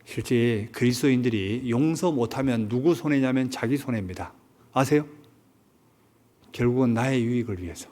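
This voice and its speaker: A man's voice: mid-range voice, moderate pace, warm tone. A male pastor gives a Sunday sermon from a church sanctuary. His voice sits in a middle range. He retells a story and keeps checking whether his listeners follow. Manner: retells a film story, asks the congregation questions.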